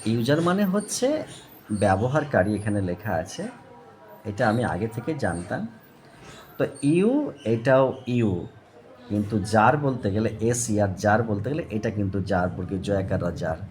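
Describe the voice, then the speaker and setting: A man's voice: fairly low pitch, big pitch swings, darkish tone, a little hiss or hum. A man teaching English grammar to students, spelling out words and often checking "okay?". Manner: slow, repeats and spells out words, asks "okay?". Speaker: English tutor.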